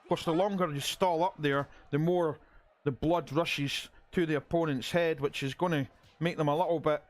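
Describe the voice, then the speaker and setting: A man giving excitable play-by-play commentary on a wrestling video game, often restarting his sentences. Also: fairly high pitch, normal speed.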